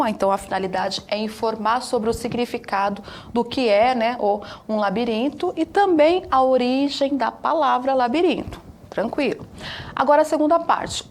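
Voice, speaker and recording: A woman with a Brazilian accent teaching a televised school lesson from a studio, explaining patiently and often checking in with her listeners. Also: on the high side. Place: broadcast studio.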